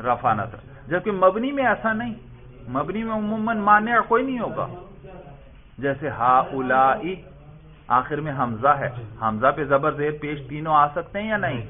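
Man teaching a class, tinny phone-like sound. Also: on the high side. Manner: quizzes students, repeats and confirms their answers; addresses listeners as brother, explains step by step. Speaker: teacher of grammar. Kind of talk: classroom lecture.

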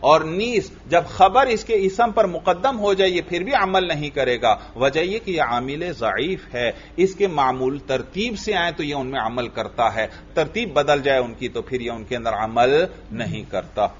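A man teaching Arabic grammar in a classroom lesson, reading the text in a slow chant and then explaining it and quizzing his students. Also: fairly high pitch, animated, lo-fi sound, slight background noise.

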